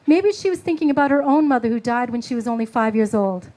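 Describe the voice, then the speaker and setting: A woman author slowly reading her own prose at a book launch, after a halting, filler-filled introduction. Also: fairly high pitch, animated, warm tone, low-quality recording. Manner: halting, filler-heavy speech between readings; slow, measured literary reading.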